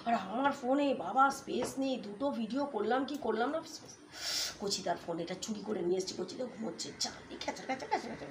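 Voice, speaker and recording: High-voiced chatty woman with a cold. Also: quick pace, slight background noise. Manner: chatty, playful, talks softly at times. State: has a cold, sore throat. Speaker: vlogger. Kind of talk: casual chat to camera. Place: small hot room at home. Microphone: phone camera.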